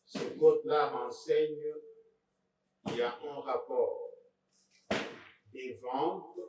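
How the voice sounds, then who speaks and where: A man, reading out court exhibits as a lawyer, slow and deliberate with pointed remarks. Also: mid-range voice, steady tone, a little mellow, slight background noise. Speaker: court lawyer presenting evidence. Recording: echoey courtroom from far off.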